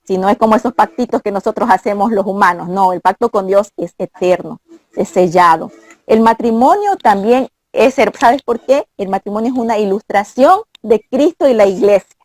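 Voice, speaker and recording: Woman, earnest Bible teacher, conversational, mid pitch, dry close sound. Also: expressive, normal speed, darkish tone, no room sound. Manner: earnest, quotes scripture, mimics voices.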